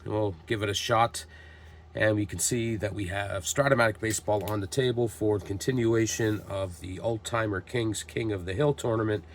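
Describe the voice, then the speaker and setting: Over a little hiss or hum, a man with a voice on the low side speaks at a moderate pace, hosting a tabletop baseball game while getting over a cold. He delivers steady, broadcaster-like play-by-play of the dice game, reading lineups and calling plays.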